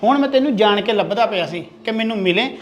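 A man's voice: sits high, expressive, fast talker, highs cut off, a little hiss or hum. A man playing a loyal, protective younger brother-in-law in a family drama, earnest and lecturing. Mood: stern, threatening. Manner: earnest, lecturing, threatening when angered.

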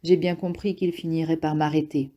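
A woman's voice: low voice, flat delivery, moderate pace, warm tone, muffled recording, close to an everyday voice. A woman voicing a nervous, defensive middle-aged man in an audiobook reading, agitated and blustering, sometimes pleading.

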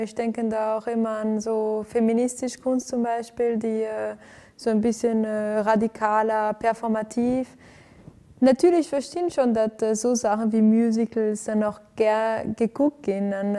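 Answering questions as the interviewee, an arts director from Venezuela speaks with a fairly high, warm voice. She is in a living room with lights set up for filming, and her speech is full of fillers and restarts.

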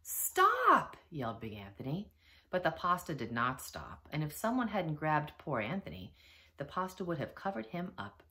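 A teacher reading a children's picture book aloud, with expressive storytelling. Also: female voice, low voice, normal speed. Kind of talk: children's read-aloud narration.

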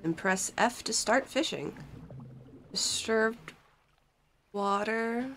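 Her voice a little high, slow, and fairly bright, a young gaming host with a cold gives casual let's-play commentary and reads the game's text aloud. She's in a cold basement with a green screen behind her, using a desk mic and headphones, with a little hiss or hum on the recording.

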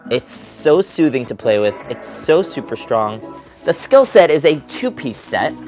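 A man hosting a science vlog, demonstrating a toy with excited, emphatic exclamations. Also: medium pitch, measured pace, faint music behind. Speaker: host. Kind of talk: enthusiastic product demo vlog.

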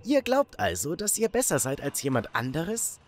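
A man voicing a scheming, mocking teenage girl who leads a gang, in an animated storytime video. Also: a little high, moderate pace, a little hiss or hum, voice pushed up. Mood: gloating. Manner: gloating, commanding.

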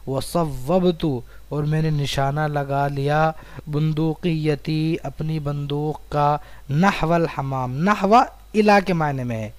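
A man with an Indian Urdu accent, his voice pitched a little high, teaches a recorded Arabic lesson. He reads each phrase aloud and then explains its words one by one. The sound is dry, with almost no room echo. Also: fairly even intonation. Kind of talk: recorded online lesson, reading and translating.

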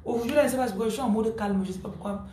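A woman's voice: a little high, rapid-fire, mellow, reverberant, slight background noise. A woman spiritual coach giving a live-streamed spiritual teaching, emphatic and repeating her key phrases, answering viewers' comments by name.

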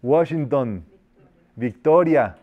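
A man teaching a metaphysics class, urging listeners on in a colloquial way and slowly intoning spoken decrees. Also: medium pitch, animated, narrow, tinny audio. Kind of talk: spiritual class leading group decrees.

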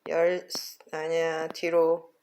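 A woman's voice: sits low, completely flat delivery, drawn-out words, a little mellow, low-quality recording. A woman exercise coach counting reps and giving short, strict, repetitive corrections in clipped phrases.

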